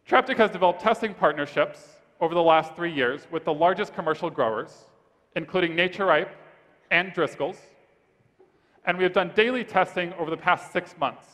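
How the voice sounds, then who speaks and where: A man pitching his startup on stage, then answering judges' questions in a steady, rehearsed way. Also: moderate pace. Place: large event hall stage. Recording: reverberant conference hall.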